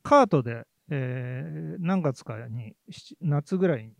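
A man co-hosting a podcast about theatre, talking in a relaxed, hesitant way with many fillers and small laughs. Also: a little high, a little slow, vocal fry, dry recording. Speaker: podcast co-host, theatre reviewer. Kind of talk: casual chat about plays.

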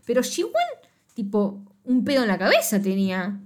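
A woman's voice: medium pitch, moderate pace. Chatty Rioplatense woman. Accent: Rioplatense Spanish. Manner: animated, acts out quotes with slangy asides. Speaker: podcast co-host. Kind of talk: casual chat recapping a drama series.

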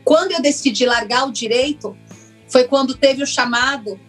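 Woman, high voice, slightly husky, earnest, reflective storytelling, interview guest. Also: a bit bright, faint music behind. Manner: reflective, earnest, with frequent fillers and pauses. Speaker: interview guest, former lawyer turned systemic constellation therapist.

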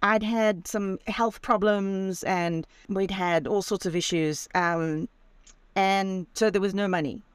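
A Zimbabwean woman in her sixties, an author and van traveller, tells her story as a podcast guest over a remote call from her campervan, chatty and self-deprecating. Her mid-range voice is steady, smooth and unhurried, with clean studio sound and no echo.

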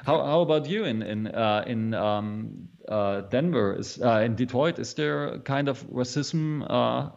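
A man's voice: medium pitch, measured pace, creaky, few pauses, a little mellow. German-accented man, lo-fi call audio. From East Germany. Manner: hesitant, repeats words, chuckles often. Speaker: guest. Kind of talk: casual conversation. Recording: dull lo-fi audio.

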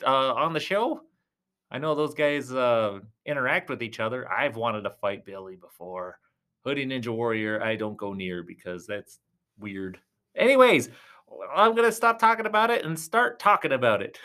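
A goofy clown announcer, as a performer puts him on, calling a thumb-wrestling show. He rambles, giggles at his own jokes, and wanders off topic at a middling pitch. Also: very animated, moderate pace, fairly bright tone. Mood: chatty. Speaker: commentator. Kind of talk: comic sports commentary.

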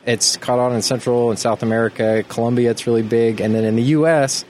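A man's voice: medium pitch, steady tone, fairly quick, darkish tone. Man chatting casually over noticeable background noise. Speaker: guest, tattoo artist and sports club organiser. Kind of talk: casual chat. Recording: noisy room with clear background ambience.

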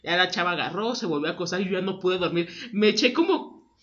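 A young woman with a Mexican accent telling a scary anecdote in casual chat, acting out the voices in her story. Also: quick pace. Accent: Mexican Spanish. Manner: animated storyteller, acts out quotes with big pitch jumps. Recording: dull lo-fi audio.

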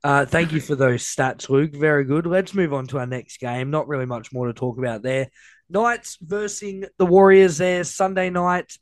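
A man's voice: fairly high pitch, fairly even intonation, normal speed. An Australian man hosting a sports podcast, casually chatting through match results in a blokey, matey way.

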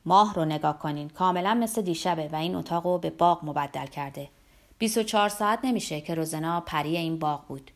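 A genial older man in an audiobook, as a female narrator reads him, speaking conciliatory and elated. The voice is pitched low and stays near the reader's natural tone. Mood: wistful. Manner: warm, conciliatory.

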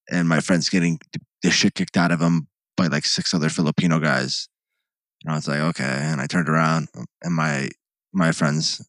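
A young man co-hosting a podcast, telling a rambling, animated story full of restarts and "like". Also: a bass voice, no room sound. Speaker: podcast co-host. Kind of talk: casual chat, storytelling.

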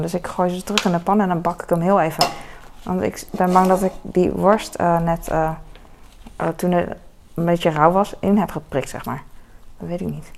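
Woman, home cooking vlog, rambling chatty talk, low gravelly voice, sizzling pan and kitchen noise. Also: darkish tone. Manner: chatty, rambling, self-mocking with many fillers. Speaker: home cook vlogger. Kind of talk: casual cooking vlog chat. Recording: noisy home kitchen recording. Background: frying and sizzling sounds.

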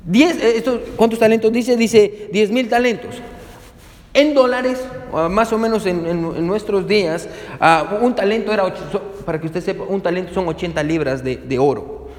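A male pastor preaches a sermon in a fairly high voice. He keeps putting questions to his listeners and calls them to turn with him to the verses. His words ring on in a long hall echo. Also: moderate pace. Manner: asks the congregation rhetorical questions.

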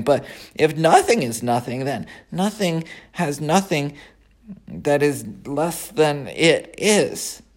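A man's voice: on the high side, voice pushed up. A man voicing a lonely, earnest young male pig in a storybook reading, pleading and wistful.

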